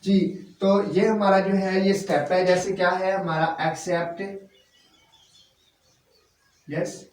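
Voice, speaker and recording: High-voiced man teaching in an echoey room. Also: little pitch movement, slight background noise. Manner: spells words out letter by letter, slow and patient; mixes English terms into casual explanation. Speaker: language teacher. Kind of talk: whiteboard lesson explaining language learning. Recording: echoey room, mic at a distance.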